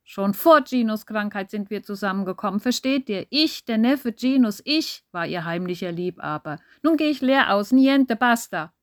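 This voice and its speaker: A grief-stricken man howls and rants in grand theatrical fashion, as a woman narrator acts him out. His voice rides high and loud with constant outbursts. The recording is dry and close. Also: moderate pace, no room sound, lightly acted. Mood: aggrieved. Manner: exclaiming, sobbing, ranting.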